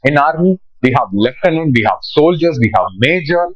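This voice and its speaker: A man's voice: a little high, animated, moderate pace, dry recording, highs cut off. A young man with an Indian English accent teaching a grammar class, talking conversationally and asking questions that he answers himself. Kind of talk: classroom lecture.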